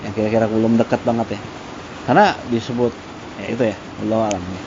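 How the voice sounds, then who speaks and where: A man's voice: on the low side, quick pace. Man giving a casual religious lesson. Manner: relaxed and conversational, mixing in Arabic recitation. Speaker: religious teacher. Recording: dull lo-fi with faint noise.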